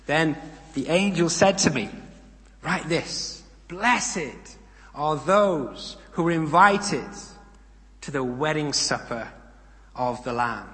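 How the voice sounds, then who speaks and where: A male preacher delivers a sermon in a church hall, reading scripture aloud with swelling emphasis and then explaining it plainly. His voice sits a little high for a man. A long reverb trails behind every phrase. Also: slow. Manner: reads scripture with rising emphasis, explains in calm asides.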